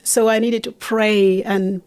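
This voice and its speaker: A woman's voice: mid-range voice, fairly even intonation, takes it slowly, darkish tone. A middle-aged woman from Uganda, a guest in an interview, talking earnestly about teaching and her charity with frequent restarts. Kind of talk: conversational interview.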